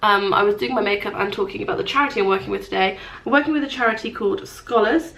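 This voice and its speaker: A woman's voice: medium pitch, quick pace, fairly bright tone, low-quality recording. A woman, chatting casually in a rambling, self-mocking vlog. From England. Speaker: vlogger. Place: hotel room, then outdoors in a city.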